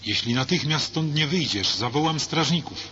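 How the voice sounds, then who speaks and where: A man's voice: fairly high pitch, animated, moderate pace, pitched above the performer's own voice. Man reading as a defiant young prisoner. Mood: angry. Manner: shouting, defiant. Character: young male condemned prisoner, angry and stubborn. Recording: dull lo-fi with faint hiss.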